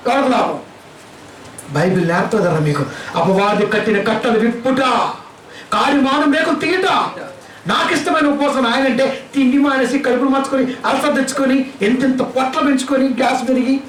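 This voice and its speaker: A man's voice: very high-pitched, fairly bright tone, echoey room, far from the mic, a little hiss or hum, rough recording. A male pastor with a Telugu accent preaching a sermon, scolding his listeners with a string of rhetorical questions.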